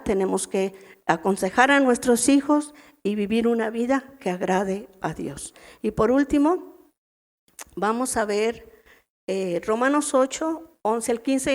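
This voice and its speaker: A middle-aged woman with a Mexican accent, teaching a women's church meeting in a chatty, story-filled way and often checking in with the audience. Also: on the high side. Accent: Mexican Spanish. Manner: chatty, anecdotal, constant tag questions to the audience.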